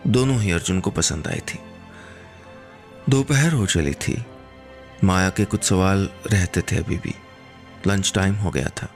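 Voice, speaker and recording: A man narrating a story on a radio show in a calm, unhurried way. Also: on the low side.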